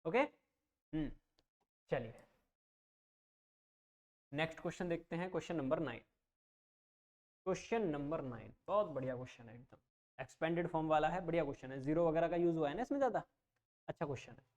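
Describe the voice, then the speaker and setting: A man teaches an online math class in a patient, reassuring way. He walks through each step slowly, repeating numbers aloud and checking that the students understand. His explanations stay plain and simple. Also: on the high side, lively intonation, darkish tone. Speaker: coaching teacher.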